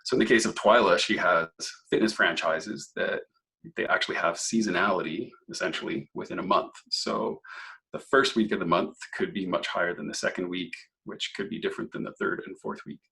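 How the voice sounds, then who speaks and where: A slightly hoarse man, presenting a software walkthrough webinar and explaining features step by step. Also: low-pitched, a little fast, poor audio. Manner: explanatory, clears throat often.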